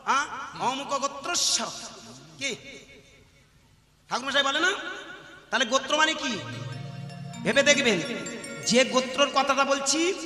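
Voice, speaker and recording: A man's voice: extremely high pitch, unhurried, long pauses, bright, forceful tone. A man preaching in a devotional kirtan sermon with a Bengali accent, questioning his audience rhetorically from a stage. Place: stage before a live audience. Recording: echoey hall with music behind.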